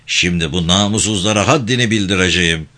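A man's voice: sits low, fast, sharp tone, voice pushed down. A man voicing a paranoid, unhinged mother who rants harshly in a storybook reading. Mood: ranting. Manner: harsh, ranting.

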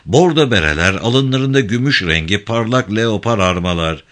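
A man reading a novel aloud in a dramatic, measured audiobook narration. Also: on the low side, lively intonation, a bit bright.

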